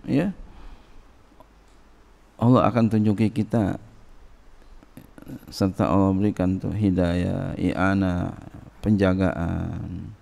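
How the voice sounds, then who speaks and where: A middle-aged man, teaching a sermon from a classical Islamic text and translating Arabic phrases slowly into casual speech. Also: lowish voice, gravelly, a little mellow. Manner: reads Arabic phrases then translates them slowly, with casual Jakarta slang asides. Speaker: religious teacher.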